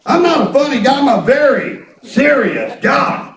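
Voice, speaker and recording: A man in his fifties with a rural Southern US twang, preaching a folksy, rambling, storytelling sermon in an excitable, colloquial way. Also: very high voice, moderate pace. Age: 50s. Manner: excitable, colloquial, chuckles through anecdotes. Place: church hall with responding congregation. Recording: echoey church room, distant microphone.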